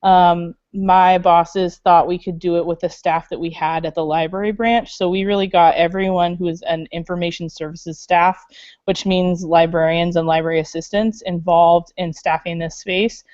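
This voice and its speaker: A woman's voice: fairly low pitch, flat delivery, normal speed, darkish tone, no room sound. A woman who works at a library makerspace, talking casually on a video call with many fillers. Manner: chatty, many fillers, laughs. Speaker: library makerspace staff member. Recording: dull lo-fi video call audio.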